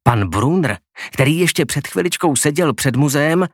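A man's voice: a little high, expressive, no echo, studio quality. A man reading an audiobook aloud, narrating expressively and acting out the characters.

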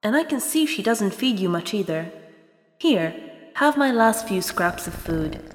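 A man reading aloud and voicing a sweet, clever little girl in a gentle, high falsetto, in an echoey room with a long reverb. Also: big pitch swings, measured pace, slight background noise.

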